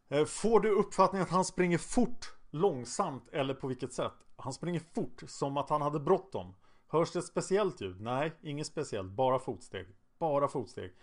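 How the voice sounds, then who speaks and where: Casual male true-crime storyteller. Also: medium pitch. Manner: conversational, with hesitant fillers and restarts. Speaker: podcast narrator.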